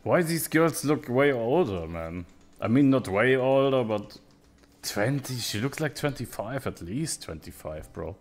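A man in his thirties giving casual, profane live-stream commentary as a casino game streamer, with excitable outbursts. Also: mid-range voice, a little slow. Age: 30s.

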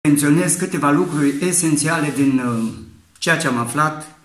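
A man, a bereaved father, giving a measured, deliberate testimony in church. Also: fairly high pitch, fairly bright tone. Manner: measured, deliberate, halting speech. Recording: roomy echo.

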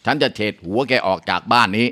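A harsh, scolding mother-in-law from a spoken folk tale, as a male storyteller puts her on. She berates with cold contempt, the voice pushed a touch higher than his own. Her tone runs low and heavy. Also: fast, pushed and bright.

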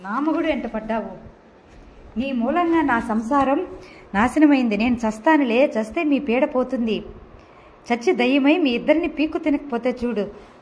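A woman's voice: sits high, lively intonation, normal speed, a little mellow. A woman voicing a jealous, spiteful young wife who sneers and mocks, in an audio novel reading. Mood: furious. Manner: sneering, mocking.

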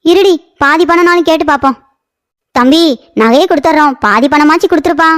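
A woman voicing a greedy, scolding old village mother in a cartoon, shrill and complaining. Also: fairly quick, fairly bright tone. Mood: fretful. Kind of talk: cartoon voice acting.

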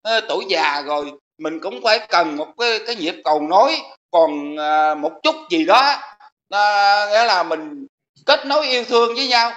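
A man with a Southern Vietnamese accent in casual chat, exclaiming often and full of excitement. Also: high-pitched, normal speed, lo-fi sound. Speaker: vlogger.

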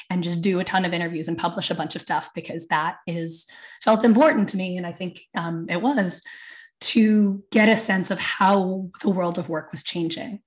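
A woman with a tired voice, speaking as a panelist on a webinar from her own room over a video call, chatty, with many fillers and asides. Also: fairly low pitch. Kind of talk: webinar talk. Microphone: computer mic on video call.

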